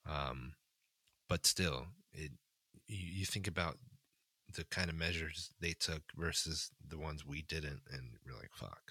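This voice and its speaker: A man's voice: rumbling low, unhurried, pushed and bright, breathy edge, no echo. A man in his late twenties in casual chat, talking hesitantly with many fillers. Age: 20s. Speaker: podcast co-host.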